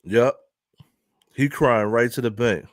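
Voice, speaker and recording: A man's voice: medium pitch, slow, no room sound, studio quality. A man hosting an online news live stream, commenting casually with loose jokes and frequent laughter. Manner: loose, joking, laughs often.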